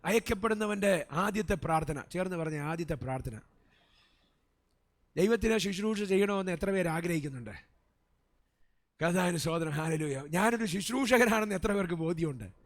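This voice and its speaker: Malayali pastor guy preaching, highish voice, goes soft then shouts, amen hallelujah every few lines. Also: normal speed. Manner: animated preaching with frequent amens and hallelujahs; swings between soft asides and loud shouted peaks. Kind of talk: sermon. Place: church service.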